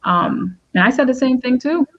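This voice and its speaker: A woman's voice: high voice, animated, normal speed, fairly bright tone. A woman from the Bahamas, a trauma counselor speaking as a guest on a panel discussion, reflective and full of "you know". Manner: reflective, lots of "you know", laughs lightly. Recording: dull lo-fi sound.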